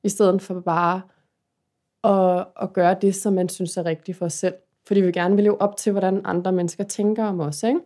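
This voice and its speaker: A woman's voice: mid-range voice, level tone, dark tone. Open, confiding woman in casual chat.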